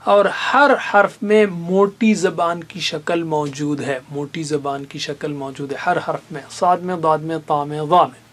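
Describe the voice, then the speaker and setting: A man's voice: on the high side, a bit bright. Patient male teacher sounding out letters. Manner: slowly sounds out single letters and syllables as examples; patient, explanatory. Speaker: Quran recitation teacher. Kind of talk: classroom lesson.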